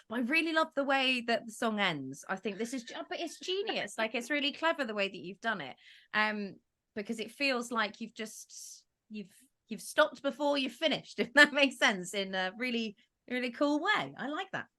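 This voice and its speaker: A woman's voice: on the high side, animated, a little fast, bright, forceful tone. Effusive woman podcast co-host. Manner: enthusiastic, effusive praise with restarts. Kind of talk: casual interview chat.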